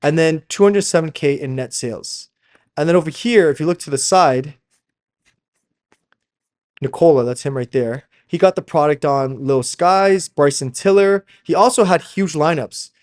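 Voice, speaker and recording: A Slovak-born man who moved to Canada as a young child, now a fashion brand founder and coach, talks in a fairly high voice at normal speed. In a motivational sales video he coaches informally and emphatically, calls his listeners "guys," and keeps checking in with tag questions.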